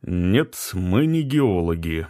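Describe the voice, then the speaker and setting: A man voicing a soft-spoken, courteous male physicist. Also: deep voice, big pitch swings, takes it slowly, dry recording, studio quality, heavily acted. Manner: gentle, courteous.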